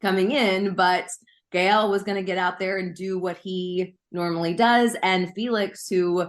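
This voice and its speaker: A woman guest on a tennis podcast, giving thoughtful, measured opinions over a video call. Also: medium pitch, fairly even intonation. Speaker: guest commentator. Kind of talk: casual interview chat.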